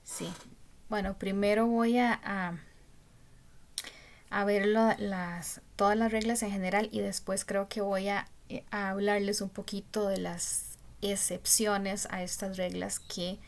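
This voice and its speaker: Slow, patient woman teaching spelling. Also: medium pitch, level tone, slight background noise. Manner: slow, patient, many pauses and fillers; asks "¿verdad?" to check understanding. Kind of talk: spelling lesson.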